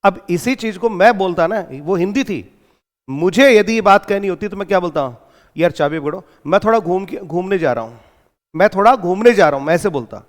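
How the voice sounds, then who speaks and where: With a high voice, lively intonation, and a slightly fast pace, an Indian English teacher with an Indian accent gives an exam-prep lecture in Hindi sprinkled with English terms. He poses questions and answers them himself, and his voice echoes with a big-room sound.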